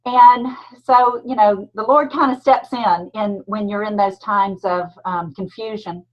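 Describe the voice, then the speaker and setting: A woman in her fifties with a thick Southern Georgia drawl warmly tells her story as a guest speaker on a video call. She speaks a little slowly in a steady, medium-pitched voice, and the call audio is dull and lo-fi.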